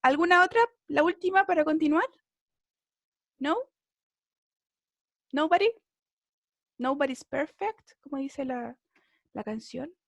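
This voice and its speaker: High-voiced chilean lady teaching english online, chatty, keeps checking in with the class, dry close sound. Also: slow pace, gravelly, long pauses, a bit bright, no echo. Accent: Chilean Spanish. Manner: chatty, mixes Spanish and English, asks ¿cierto? and ¿ya? often.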